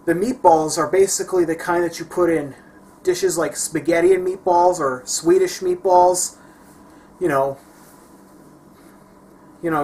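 In his kitchen, a young male cooking show host walks through a casual home recipe step by step, frequently restarting and self-correcting. His voice is high-pitched, husky and darkish in tone.

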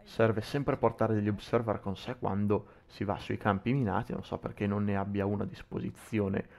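A man's voice: on the low side, steady tone, moderate pace, creaky, darkish tone. A man giving live commentary on a video game match, often repeating and reworking his phrases as he goes. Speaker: esports commentator.

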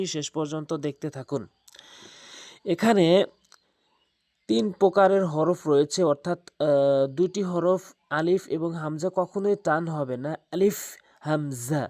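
A man's voice: a little high, a little mellow, no room sound. A man teaching a spoken lesson on reciting Arabic letters, earnest and emphatic, drawing out each letter sound.

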